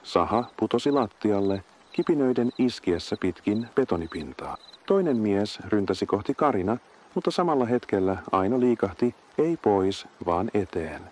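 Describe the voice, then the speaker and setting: A man reading a horror story as scripted narration, with a steady, even delivery. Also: fairly low pitch, slight background noise.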